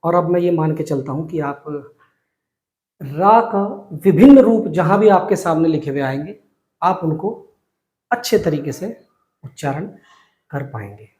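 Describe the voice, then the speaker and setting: Male Hindi teacher, high-pitched, patient syllable drills, roomy echo. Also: lively intonation, darkish tone. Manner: slow, repetitive drilling of syllables. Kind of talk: whiteboard reading lesson.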